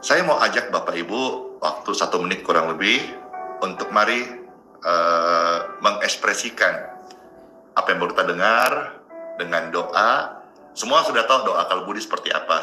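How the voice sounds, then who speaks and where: A man preaches a sermon to people watching, talking casually and joking between points. His voice sits low but sounds very bright and forceful. The room is echoey, with faint music underneath. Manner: joking, conversational preaching to viewers. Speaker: pastor.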